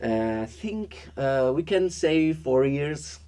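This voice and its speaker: A man from Iraq chats casually as a podcast guest in an interview, using lots of fillers and restarts and becoming animated as he tells stories. His voice is a little high, clear, and resonant, and he speaks at a slow pace.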